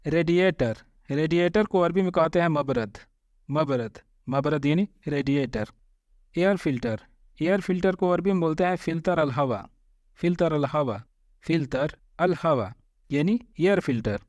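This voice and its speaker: A man giving a vocabulary lesson, addressing his viewers as friends and saying each word slowly and more than once. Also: fairly high pitch, lively intonation, darkish tone, no echo. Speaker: Arabic teacher.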